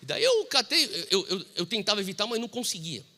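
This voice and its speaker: Brazilian male pastor, 40s, animated storyteller with a sharp, ringing tone, reverberant hall sound. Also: high voice, fairly quick. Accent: Brazilian Portuguese. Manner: animated storytelling, acting out quoted dialogue. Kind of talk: sermon.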